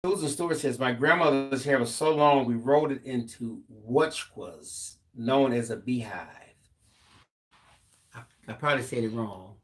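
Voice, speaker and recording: A man with a mid-pitched voice co-hosts a live stream. He reads viewer comments aloud in a relaxed way and adds joking asides. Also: normal speed, soft background music. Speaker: co-host reading viewer comments. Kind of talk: live stream co-host chat.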